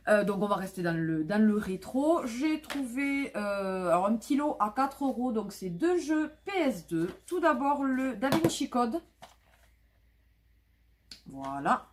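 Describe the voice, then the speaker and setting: A woman's voice: on the high side, sing-song, measured pace, a little hiss or hum. A woman vlogging casually about flea market finds, talking with many fillers and restarts.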